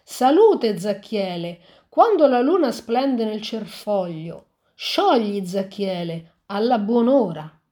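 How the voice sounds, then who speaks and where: A woman voicing an old witch who chants a spell in a raised, louder voice. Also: mid-range voice, big pitch swings, slow. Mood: incanting.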